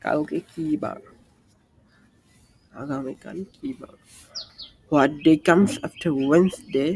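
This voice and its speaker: A man giving a casual spoken English lesson, drilling words again and again, with quick asides between the drills. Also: a little high, a little mellow, slight background noise, rough recording. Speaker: self-taught English learner teaching basics.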